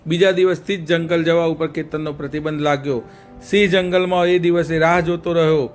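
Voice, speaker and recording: A man's voice: fairly high pitch, steady tone, a little fast, soft background music. A male storyteller narrating a children's story and speaking directly to young listeners with a moral.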